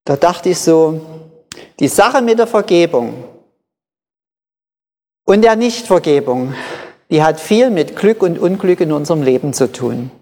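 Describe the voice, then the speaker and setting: A preacher giving a sermon in short, deliberate phrases, repeating key points for emphasis. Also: medium pitch, expressive, mellow. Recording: long hall reverb.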